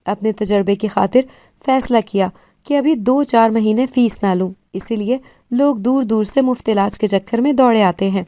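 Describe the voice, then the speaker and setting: This is a calm, confident fifteen-year-old girl who runs her own clinic, voiced by a woman reading a story. She explains things evenly, in a mellow, dry, close voice. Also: a little high, no room sound, natural voice. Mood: explaining. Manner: calm and self-assured, explaining.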